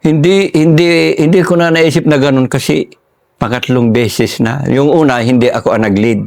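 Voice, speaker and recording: An older man, a former soldier, telling his story in a casual interview and acting out the dialogue with lively, raised voices. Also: medium pitch, normal speed, vocal fry. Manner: animated, acts out quoted dialogue in a raised voice.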